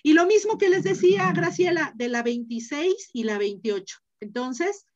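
A woman's voice: high-pitched, lively intonation, moderate pace. Chatty Mexican woman teaching Latin. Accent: Mexican Spanish. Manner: chatty, asks students questions, many fillers. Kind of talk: online class lecture. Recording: dull lo-fi video call audio.

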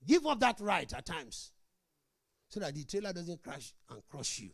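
A middle-aged pastor gives a marriage sermon. His voice sits high for a man and swoops up and down as he tells stories and plays out both sides of conversations. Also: moderate pace, gravelly, no echo, clean studio sound. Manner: animated storytelling, acts out both sides of dialogues.

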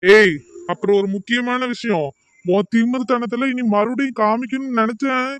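A man's voice: extremely high pitch, fairly even intonation, normal speed, a bit bright, smooth, dry recording. A man voicing an angry young husband in a cartoon drama, who scolds and threatens. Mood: threatening.

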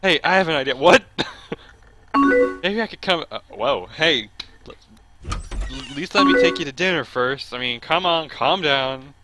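A young man playing a chat game and reading its lines aloud, laughing at them, over loud game music. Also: fairly high pitch, expressive, unhurried, long pauses, low-quality recording. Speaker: gamer. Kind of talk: let's play commentary.

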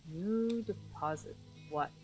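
Woman slowly talking thru her strategy game, voice going a bit hoarse, faint music behind. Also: mid-range voice, a little mellow, rough recording. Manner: thinks aloud, self-talk with frequent restarts. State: losing her voice. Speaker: gameplay streamer. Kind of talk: casual gameplay commentary.

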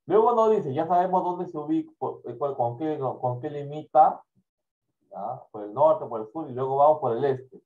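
A male primary school teacher, giving a class slowly and checking in often with his students. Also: a little high, lively intonation, a little mellow, lo-fi sound. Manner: slow, repetitive, checks in with "¿ya?". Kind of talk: online class lecture.

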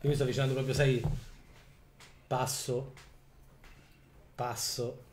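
A man with a mid-pitched voice talks casually as a tabletop player. He is recorded in an echoey room with noise in the background. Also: little pitch movement, unhurried, darkish tone. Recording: roomy echo, clear background noise.

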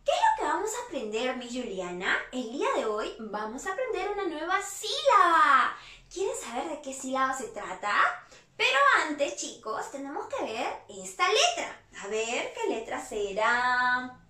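A woman teaching young children in a sing-song, animated way, drawing out answers. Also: high-pitched, measured pace. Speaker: preschool teacher. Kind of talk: online lesson for young children. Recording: roomy sound from a distance.

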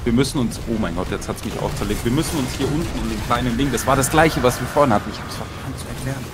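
Man from Bavaria coaching over game music. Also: medium pitch. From Bavaria, Germany. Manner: explains patiently, quick callouts. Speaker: experienced player guiding others. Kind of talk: casual gaming chat.

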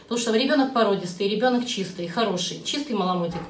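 A middle-aged woman who rescues animals, sick with bronchitis, films on her phone indoors, moving between a veterinary clinic and a room at home. In a casual appeal, she addresses viewers earnestly and sick puppies tenderly, her medium-pitched voice animated and quick. The recording is low quality, with slight background noise.

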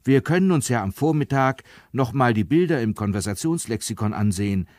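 A male reader voicing an earnest, hopeful young boy who pleads gently with his father. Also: medium pitch, animated, a little fast, no room sound, studio quality, close to an everyday voice.

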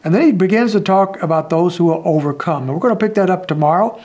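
A man in his sixties, a pastor giving a daily Bible teaching from a small home study, talking in a measured, conversational way with frequent filler pauses. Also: sits high, a little mellow.

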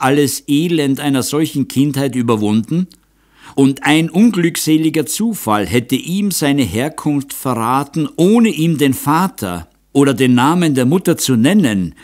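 A man's voice: medium pitch, close to an everyday voice. A man voicing a stern, reserved artist. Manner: hard, measured, restrained. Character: reserved middle-aged male artist, stern and bitter. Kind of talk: audiobook character reading.

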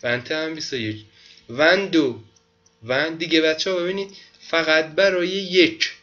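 Guy teaching french, repeats every word slow, sharp tone, kinda dull audio. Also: on the high side. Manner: slow repetitive drilling of pronunciation. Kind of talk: online language lesson.

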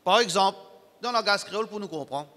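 A man preaching to his congregation, emphatic and repetitive, in broken, halting phrasing. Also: sits high, lively intonation, pushed and bright, big-room sound. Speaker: Islamic preacher. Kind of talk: sermon to a congregation.

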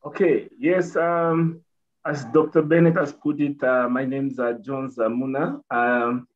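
A middle-aged man, a nurse giving a measured lecture over a video call, repeating points and pausing with many fillers. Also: mid-range voice, little pitch movement. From Zambia. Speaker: nurse presenter. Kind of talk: explanatory lecture. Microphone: webcam on a video call. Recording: dull video-call audio.

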